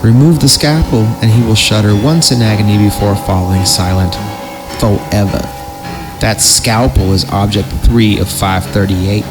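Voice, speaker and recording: A podcast host with a lowish voice reads horror stories theatrically at a moderate pace, stopping now and then for jokey asides. Music plays underneath, and the recording quality is low.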